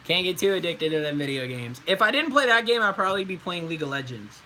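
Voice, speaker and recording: A man's voice: high voice, lively intonation, quick pace, bright, forceful tone, slight background noise, rough recording. A man who is a voice actor, answering viewer questions on his livestream in a casual, rambling way with frequent ums and likes.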